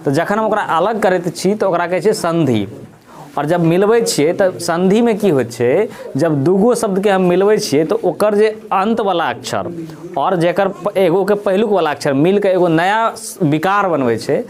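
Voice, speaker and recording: A man's voice: high-pitched, normal speed, a little mellow. A man with a Maithili accent giving a grammar lesson, explaining step by step and answering his own questions. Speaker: teacher. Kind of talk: grammar lesson for school students.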